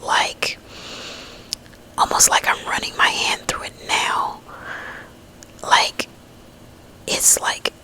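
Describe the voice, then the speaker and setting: A woman rambling gently in a breathy ASMR whisper, lingering on drawn-out words. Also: rough recording. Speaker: ASMR host.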